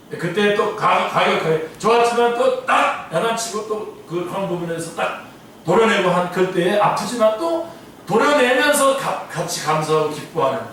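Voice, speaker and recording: Earnest pastor in an echoey hall. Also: male voice, high voice, a bit bright, slight background noise. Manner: earnest, exhorting. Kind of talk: Bible study teaching. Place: church sanctuary. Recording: echoey church hall from a distance.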